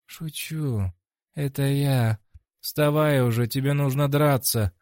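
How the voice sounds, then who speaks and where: Мужчина изображает мрачный шипящий внутренний голос. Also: male voice, mid-range voice, takes it slowly, no room sound, clean studio sound, voice pushed up, natural voice. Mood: gloomy calm. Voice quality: dark, slightly hissing. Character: gloomy hissing inner voice, male. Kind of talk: audiobook character voice.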